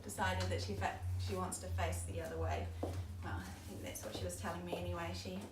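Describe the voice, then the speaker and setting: A woman's voice: fairly low pitch, a little fast. Chatty New Zealand woman, distant and echoey. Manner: chatty, relaxed, with frequent ums. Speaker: store presenter demonstrating a stroller. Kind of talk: casual product demonstration. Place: baby store. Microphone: camera mic at a distance. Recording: roomy, distant, loud background noise.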